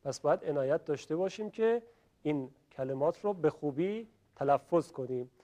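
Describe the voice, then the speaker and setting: A man teaching a class how to pronounce Arabic letters, politely asking students questions and stretching out example words slowly. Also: a little high, animated, dark tone. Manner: slow, drawn-out model pronunciations. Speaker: Quran recitation teacher. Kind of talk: classroom lesson on letter pronunciation.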